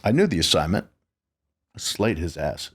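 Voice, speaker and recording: A man's voice: sits low, big pitch swings, normal speed, husky. A man in his sixties hosting a podcast, telling stories in a boastful, profane, casual way. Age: 60s. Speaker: podcast host.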